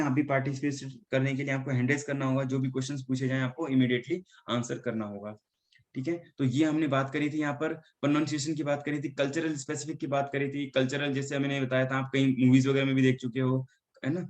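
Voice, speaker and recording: Indoors, a male teacher delivers an online class, blending Hindi and English and repeatedly asking the students "ठीक है?" to check in. His voice is mid-range and a little mellow.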